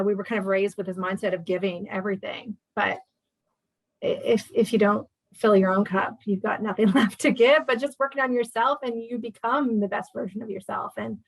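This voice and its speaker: A woman's voice: medium pitch, no echo, low-quality recording. A woman in her fifties, a guest chatting casually in an interview, talking with many fillers and restarts. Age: 50s.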